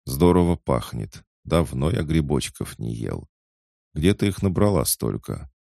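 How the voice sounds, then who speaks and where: A man voicing a calm, wounded male bodyguard who talks in a measured, friendly way. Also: extremely low pitch, vocal fry, dry recording, studio quality, exaggerated voice.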